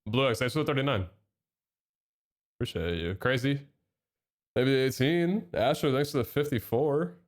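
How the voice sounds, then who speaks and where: This mid-range male voice moves at a moderate pace but leaves long pauses. He's a young live streamer, slightly nasal with a head cold, excitedly chatting with viewers, reading their messages and thanking subs.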